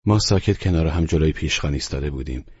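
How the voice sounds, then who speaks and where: A man with a husky voice reading a novel aloud in calm, measured scripted narration. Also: rumbling low. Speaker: audiobook narrator. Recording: dull lo-fi audiobook recording.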